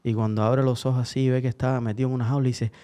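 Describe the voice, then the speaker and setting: A man's voice: medium pitch, flat delivery, racing, mellow. A man hosting a podcast in casual chat, rambling with hesitations and restarts. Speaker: podcast host. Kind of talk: casual chat and joke-telling.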